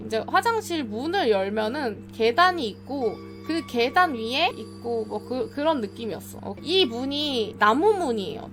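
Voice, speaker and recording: A young woman streamer casually telling a scary true story from her childhood, acting out the voices and sounds. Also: high voice. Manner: animated, acts out quotes and sound effects.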